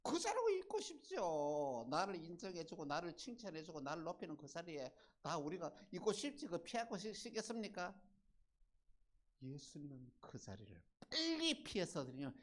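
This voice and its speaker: A pastor preaching a storytelling sermon. The pastor keeps asking the congregation rhetorical questions and swings from loud exclamations to hushed near-whispers. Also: mid-range voice, big pitch swings, moderate pace.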